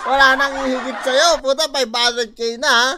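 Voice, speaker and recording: High bright-voiced Filipino man. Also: normal speed, slight background noise. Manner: energetic, laughing, mocking asides. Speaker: reaction vlogger. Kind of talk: reaction video commentary.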